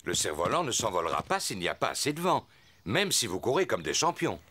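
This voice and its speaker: A man's voice: fairly low pitch, big pitch swings, fairly quick, sharp tone, heavily acted. A man voicing a jolly, proud and clumsy father pig in a French cartoon dub, cheerful and self-assured. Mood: confident. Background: background music.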